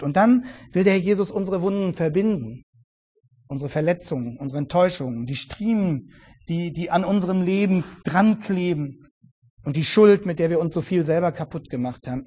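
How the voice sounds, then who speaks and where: A man preaching a sermon earnestly, swinging between emphatic stress and hushed softness, often repeating words. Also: high voice. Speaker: pastor.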